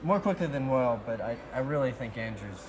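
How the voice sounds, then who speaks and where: A man's voice: medium pitch, lively intonation, a little fast, a crowd in the background, poor audio. A man chatting casually as a contestant, jokey and boastful. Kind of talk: casual chat.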